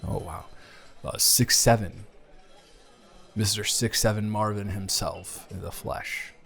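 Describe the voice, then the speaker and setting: In an intimate audio roleplay, a man plays a smitten young man, speaking slowly in a slightly low, gravelly yet fairly bright voice with fairly even intonation and an exaggerated delivery. He stammers and meanders through wordy, self-deprecating jokes, sounding awkward and teasing, with jealousy showing under the humor.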